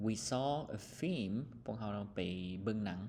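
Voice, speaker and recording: A male teacher with a Lao accent explaining an English textbook lesson, reading English words slowly, then explaining them quickly with many fillers. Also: lowish voice, expressive, darkish tone, a little hiss or hum.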